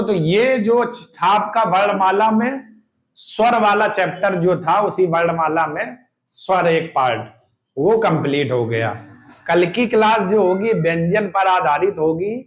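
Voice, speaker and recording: A man with a high voice teaches an exam-prep grammar lesson at an unhurried pace. He drills vowel sounds aloud and repeats each key term, asking his own questions and answering them. The sound is roomy and echoey. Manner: asks questions and answers them himself, checking "clear?".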